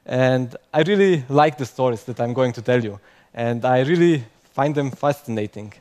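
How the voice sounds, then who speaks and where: Here a young conference speaker addresses a live audience in English, not his first language. He sounds mid-range and darkish at a moderate pace, and he's conversational and self-mocking, with "okay?" often capping his points.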